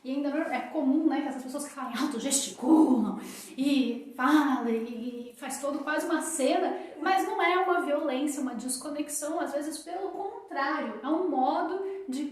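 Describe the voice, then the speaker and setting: High-voiced Brazilian woman in an echoey room. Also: normal speed. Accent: Brazilian Portuguese. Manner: explanatory, repeats phrases for emphasis. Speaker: co-host of a live talk on emotional awareness. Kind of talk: live conversational explanation. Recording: echoey room, far from the mic.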